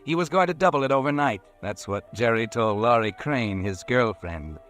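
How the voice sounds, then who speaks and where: A man playing the Whistler, an eerie, all-knowing narrator who walks by night, telling the story slowly and ominously in a 1940s radio drama. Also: medium pitch, lively intonation, fairly bright tone, natural voice. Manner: slow, ominous, measured storytelling. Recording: old radio recording with faint music.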